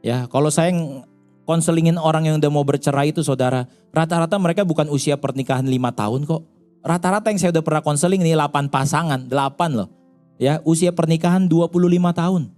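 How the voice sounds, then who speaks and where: A male pastor delivers a sermon in a casual, conversational storytelling style, talking straight to his listeners. His voice sits high for a man. Faint music plays behind him. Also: a little mellow. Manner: chatty storytelling, repeatedly addressing the congregation.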